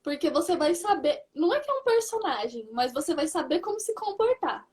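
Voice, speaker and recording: A woman hosting a casual interview, talking in a lively, chatty way over a video call. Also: extremely high pitch, a little fast. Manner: lively, chatty, tags phrases with "né". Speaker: host.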